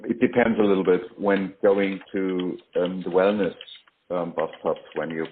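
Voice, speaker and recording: A man speaking as an industry expert in a business interview over a call, explaining in a hesitant, halting way. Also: deep voice, fairly even intonation. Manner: hesitant, halting delivery with pauses. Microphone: phone or online call. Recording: muffled call audio, faint typing noise.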